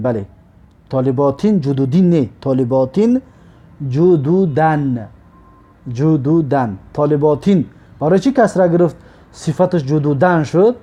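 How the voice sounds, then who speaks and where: A man with a Tajik accent teaching Arabic grammar, slowly drilling example words and stopping to check understanding. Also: a little high, mellow. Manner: slow, drawn-out drilling of example words, repeated for students; checks understanding with short asides. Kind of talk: recorded grammar lesson.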